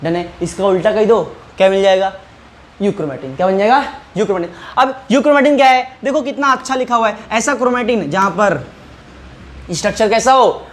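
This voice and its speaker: A man's voice: sits high, a little fast. A male teacher giving an online class lecture. He asks questions, answers them himself, repeats key terms and keeps checking whether the class has understood. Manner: checks understanding often with rhetorical prompts. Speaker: biology teacher.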